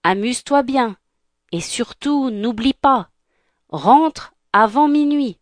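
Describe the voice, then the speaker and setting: A woman gives voice to a kind fairy godmother with a firm, measured warning. She speaks slowly, a little higher than her plain reading. Close and dry. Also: animated, no room sound. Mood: gentle. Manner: gentle, measured, admonishing.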